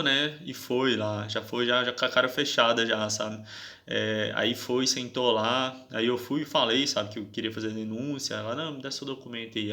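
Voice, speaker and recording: A young man recounts his story to viewers in an aggrieved, slang-heavy way. His voice sits mid-pitch and sounds bright and forward. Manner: aggrieved, slangy, keeps asking "sabe?".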